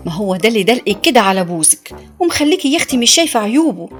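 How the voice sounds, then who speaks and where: A fiery, quarrelsome landlady from a comic radio serial, who scolds and threatens in an Egyptian accent. Her voice sits high and swings widely, with the words tumbling out fast. She is brash and combative. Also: very animated, faint music behind. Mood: sarcastic. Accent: Egyptian Arabic. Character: hot-tempered, quarrelsome woman landlady Qatayef. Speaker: radio drama actress.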